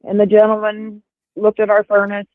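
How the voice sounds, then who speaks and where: Her mid-range voice is completely flat and moves at a moderate pace, with no room sound. The speaker is a woman in her 40s, a livestream guest who rambles through casual chat with plenty of fillers, using earbuds on a tinny, phone-like call.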